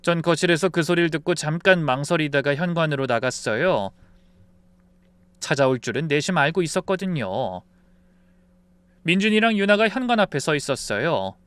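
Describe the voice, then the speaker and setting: A man reading a first-person story aloud in a calm, confessional manner. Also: fairly high pitch, normal speed, smooth, no echo. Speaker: story narrator.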